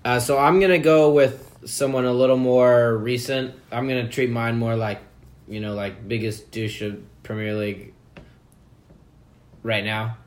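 A man co-hosting a casual soccer podcast with a mid-pitched voice. He rambles through stories, full of fillers and swearing. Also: steady tone, measured pace. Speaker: podcast co-host. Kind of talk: casual chat.

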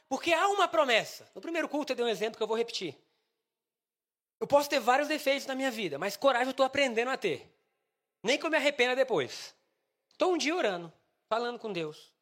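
A young man preaching, telling a funny personal story with lively acted dialogue. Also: extremely high pitch. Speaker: pastor. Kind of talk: sermon with storytelling.

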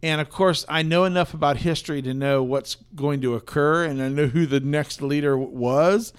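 Higher-voiced man rambling about films. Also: moderate pace, clear, resonant tone. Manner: rambling, filler-heavy storytelling. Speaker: podcast co-host, film reviewer. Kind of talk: casual film review chat.

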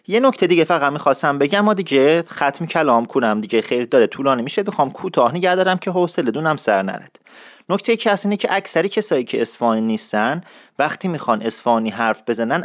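A man hosts a jokey podcast with a mock-serious lecturing manner, speaking at an ordinary mid pitch. His voice is recorded close and dry, with no room sound around it. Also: no room sound. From Isfahan, Iran. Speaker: podcast host. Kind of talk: humorous podcast monologue.

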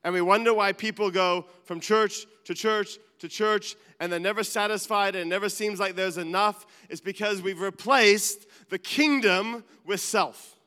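In this sermon, a male pastor's high, clear, bright voice moves at a moderate pace with fairly even intonation and few pauses. He still speaks earnestly, reaching emphatic peaks and dropping into asides. A long reverb suggests a large church hall.

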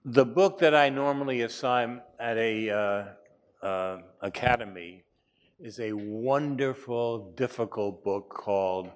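A man's voice: medium pitch, slow pace. A man teaching a class, chatty, with wry asides and frequent fillers. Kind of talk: classroom lecture.

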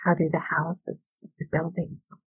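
A woman educator speaking in a soft, soothing, deliberate way with pauses, as if leading a guided visualization, her voice breathy and husky. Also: sits low, little pitch movement, dry recording, poor audio. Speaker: educator, workshop leader.

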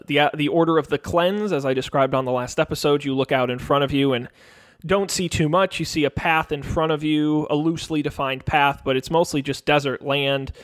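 A man's voice: medium pitch, fairly bright tone, no echo, clean studio sound. A man narrating as game master of a tabletop role-playing game, loose and chatty, with many ums and restarts.

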